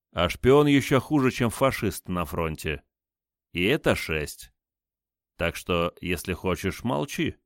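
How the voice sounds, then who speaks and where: A man's voice: deep voice, dry recording, studio quality. A man playing a stern wartime interrogator. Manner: cold, threatening, deliberate.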